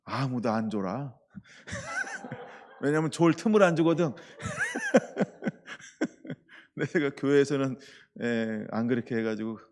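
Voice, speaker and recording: Pastor guy preaching, super animated voice, quizzing the church, echo hanging in a big hall. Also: mid-range voice, slow, pauses often. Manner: lively, playful preaching with questions to the congregation and acted-out quotes. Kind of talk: sermon.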